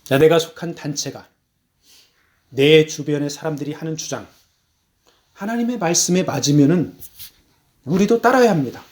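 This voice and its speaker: A man preaching a sermon as a missionary, emphatic, his voice rising on key words and then falling low, slowing down for stress. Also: darkish tone. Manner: measured, slows down for stress.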